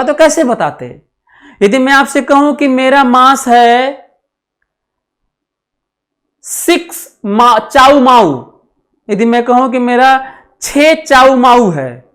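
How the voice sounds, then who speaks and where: A man's voice: extremely high pitch, fairly bright tone. A man teaching a physics lecture, repeating phrases, asking the class questions and dictating notes as he mixes English terms into his talk. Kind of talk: classroom lecture for exam students.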